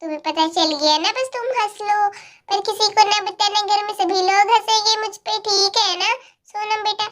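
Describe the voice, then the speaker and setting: A timid village aunt in a doll story, played by a woman, scares easily and then brags that she is brave. The voice stays very high and close to a plain speaking voice. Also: steady tone, normal speed, a bit bright. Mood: flustered. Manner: defensive, boastful. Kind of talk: doll story role-play.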